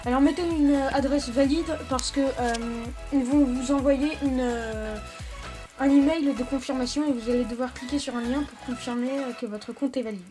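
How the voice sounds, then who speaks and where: A high-pitched woman hosts a casual phone app tutorial, guiding viewers one step at a time. Her delivery is halting and full of small self-corrections. Clear background music runs beneath her voice. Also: fairly even intonation. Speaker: tech tutorial host.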